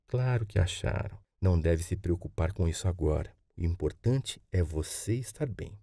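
A man voicing a calm, reassuring elderly grandmother, speaking slowly and softly. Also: deep voice, creaky, dry recording. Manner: slow, soothing. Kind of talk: audiobook character voice.

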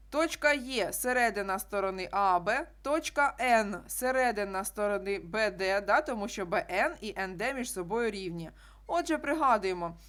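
A woman teacher walks through a geometry problem step by step. She explains in a steady classroom manner and often repeats key statements to make them stick. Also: mid-range voice. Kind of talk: classroom math lesson.

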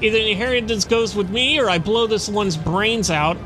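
A man's voice: high-pitched, moderate pace, music in the background, lightly acted, low-quality recording. A man voicing a greedy, menacing, hard-drinking father in a video game, sneering and threatening.

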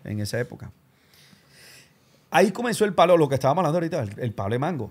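A show host and radio announcer runs an interview, casually telling his own story in slang-heavy speech. His husky, rather high voice comes out rapid-fire, and he's animated, even imitating the voices of people he quotes.

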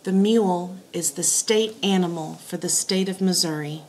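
A woman teacher dictating spelling words and sentences in a deliberate way, setting words apart and repeating them. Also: lowish voice, slight background noise. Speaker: teacher giving a spelling test.

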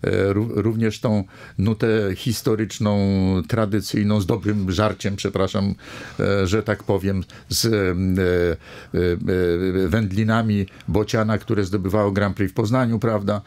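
Older man, low gravelly voice, hesitant. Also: little pitch movement, unhurried, darkish tone. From Poland. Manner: rambling with many hesitations and fillers. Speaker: village mayor, guest. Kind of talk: radio studio interview. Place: radio studio. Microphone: studio desk microphone.

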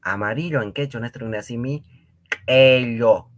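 Man, language teacher, slow deliberate delivery, repeats words, checks understanding. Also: mid-range voice, slight background noise. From Peru. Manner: patient, repeats words slowly, often asks "¿ya?" and "¿no ve?". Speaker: Quechua teacher. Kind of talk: online language lesson.

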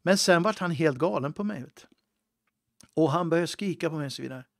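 A male pastor preaching a livestream sermon, swinging between loud fervent appeals and hushed, halting asides. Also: a little high, vocal fry, no echo, clean studio sound. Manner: halting, with restarts and fillers.

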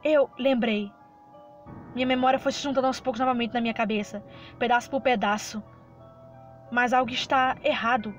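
A woman reading aloud the narration of a confused young man with lost memories, in a plain, even reading voice. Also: fairly high pitch, moderate pace, pauses often, soft background music, close to an everyday voice. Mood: shaken.

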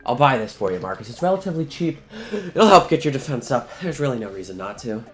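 A man's voice: medium pitch, very animated, quick pace. A man giving casual, sweary video game commentary, talking to the characters as he plays. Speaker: let's play host. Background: game music.

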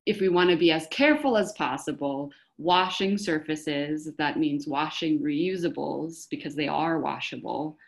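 A woman on a panel giving a measured, explanatory answer over a video call, often pausing mid-phrase. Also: sits low, vocal fry. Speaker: panelist for an environmental group.

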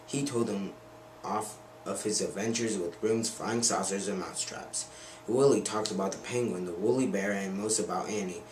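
Brief: man reading a children's picture book aloud, earnest and stumbling a little; lowish voice, distant and roomy camcorder sound. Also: moderate pace. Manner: earnest read-aloud with slips and self-corrections. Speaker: reader. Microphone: handheld camcorder mic. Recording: roomy, distant camera mic, faint noise.

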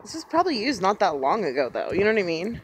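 A woman's voice: mid-range voice, big pitch swings, quick pace. A woman vlogger giving casual, chatty walk-through commentary as she explores an abandoned rural hotel outdoors in the cold, filmed on a handheld phone. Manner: chatty, wandering remarks while exploring. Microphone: handheld phone camera while walking. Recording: loud outdoor wind noise.

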